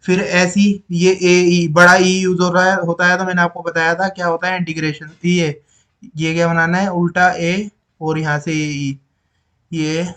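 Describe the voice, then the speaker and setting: A man with a high voice teaches phonetic symbols from his notes. He repeats each sound slowly and works through the symbols one at a time, in an explaining tone. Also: little pitch movement, bright, forceful tone.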